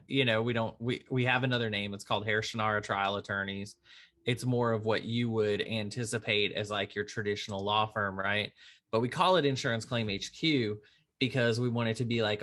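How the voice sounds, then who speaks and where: A man who is an insurance attorney, talking casually as a podcast guest and telling lively stories with acted-out dialogue. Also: lowish voice. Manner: animated storyteller who acts out quoted dialogue. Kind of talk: conversational podcast interview.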